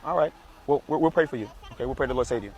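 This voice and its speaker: A man doing conversational street preaching outdoors, speaking politely and calmly into a microphone. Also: medium pitch, racing, muffled recording. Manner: polite, calm. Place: outdoors in a public street or campus. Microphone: handheld or worn microphone.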